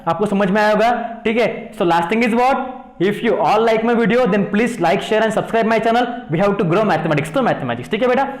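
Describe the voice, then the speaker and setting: A man's voice: high voice, slow pace, echoey room. A man with an Indian accent teaching a maths lesson, mixing Hindi and English and often asking students questions to check they follow. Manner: repeats questions to students, coaxing "thik hai na".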